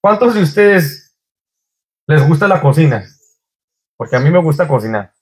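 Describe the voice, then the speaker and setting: A man's voice: fairly high pitch, very animated, moderate pace, breathy edge. A man, a pastor, preaching a sermon in a church, asking the congregation rising, pleading questions.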